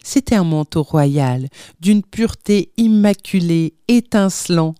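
A woman reading a story aloud, with slow, measured narration and lively voiced dialogue. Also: fairly low pitch, smooth, no echo, clean studio sound. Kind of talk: audiobook narration with acted dialogue.

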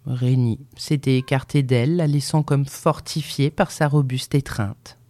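A woman reading a novel aloud as a narrator, in an unhurried and expressive storytelling manner. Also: very deep voice, no room sound. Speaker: audiobook reader.

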